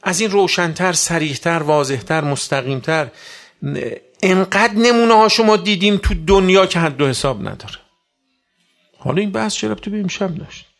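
A man preaching a sermon to a religious gathering, asking rhetorical questions and rising sharply in pitch and volume. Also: soft background music. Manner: rhetorical questions, sudden loud rises in pitch.

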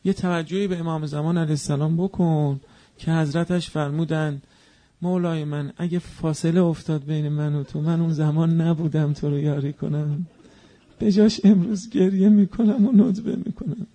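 A man preaching a mourning sermon, moving between quiet narration and chanted, wailing cries. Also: fairly high pitch, steady tone.

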